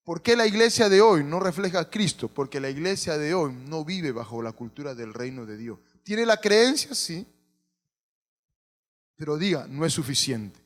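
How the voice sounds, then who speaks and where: A man's voice: a little high, expressive, normal speed. A male pastor, preaching a sermon and putting questions to the congregation.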